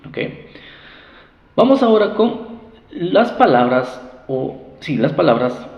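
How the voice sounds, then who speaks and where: A slow-speaking man with a gravelly edge leads a pronunciation lesson, repeating each sound again and again in an exaggerated way. He explains patiently and encouragingly. The recording is dull and lo-fi, with a roomy, echoing reverb. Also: a little high, sing-song. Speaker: English pronunciation teacher.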